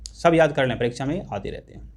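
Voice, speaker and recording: A man with a fast, mid-range voice teaches an exam-prep lesson, explaining English grammar to students and repeating and stressing the key points.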